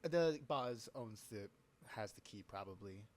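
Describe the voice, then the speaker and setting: Game master, man, lowish voice, easygoing hesitant narration. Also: unhurried. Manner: relaxed, hesitant, many fillers.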